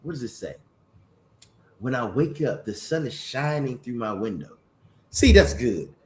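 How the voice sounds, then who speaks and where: A man hosting a casual chat, animated and playful, reading greeting-card lines aloud, with a slight cough. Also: medium pitch, unhurried, echoey room, crowd noise. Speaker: podcast host.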